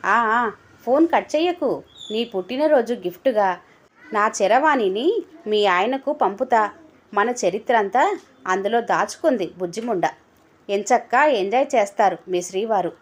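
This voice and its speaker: A woman's voice: mid-range voice, expressive, a little slow. Woman voicing a leering male blackmailer. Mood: taunting. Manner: leering, taunting. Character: sleazy young male blackmailer, mocking and crude.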